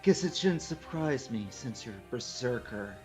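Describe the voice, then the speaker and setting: A man voicing an arrogant, scornful male demigod king in a fan reading, reaching for a deeper voice with a haughty, mocking delivery. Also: lively intonation, unhurried, a little mellow, faint music behind, natural voice. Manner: haughty, mocking, trying to sound deep. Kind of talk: fan reading of a visual novel.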